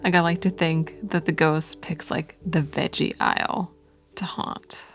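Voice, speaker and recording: A woman co-hosts a podcast, playfully and casually telling strange stories and laughing between lines. Her low voice has vocal fry and a steady tone at a measured pace, with soft music behind her.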